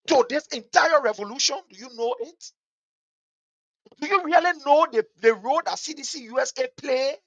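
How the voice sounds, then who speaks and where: Fiery Liberian woman, lively high voice. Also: vocal fry, breathy edge, no echo. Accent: Liberian English. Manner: emphatic, repeating pointed questions. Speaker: political party activist. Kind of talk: impassioned political address.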